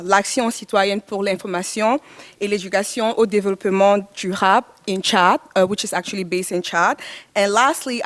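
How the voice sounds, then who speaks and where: A young woman from Cameroon introducing herself on a youth panel, with a halting delivery full of fillers. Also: medium pitch. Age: young adult.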